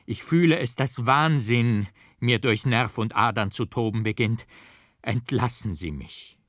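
A man's voice: mid-range voice, measured pace, a bit bright, no echo, natural voice. A man voicing an accused man who protests his innocence in an agitated, emphatic way, recorded dry. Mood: desperate. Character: accused man, proud and desperate.

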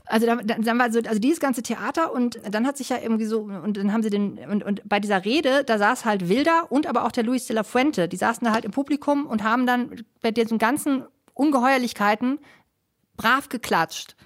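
Speaking briskly with a voice on the high side, a woman foreign correspondent in Spain gives a casual, conversational interview report. Her delivery is chatty and colloquial, full of animated storytelling and acted-out quoted asides.

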